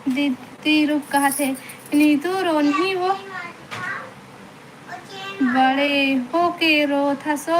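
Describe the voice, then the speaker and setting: Chhattisgarhi woman vlogger, unhurried and coaxing, reading viewer comments aloud over a noisy phone line. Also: sits high. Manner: chatty, coaxing, greets viewers by name. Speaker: live-stream vlogger. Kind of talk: casual live chat reading viewer comments. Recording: noisy live-stream audio.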